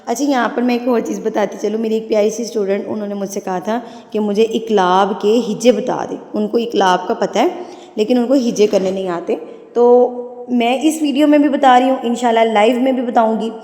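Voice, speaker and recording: Echoey woman teaching tajweed slowly. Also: a little high, steady tone, warm tone. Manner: patient, explains then spells words slowly syllable by syllable. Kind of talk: tajweed lesson with slow spelled-out recitation.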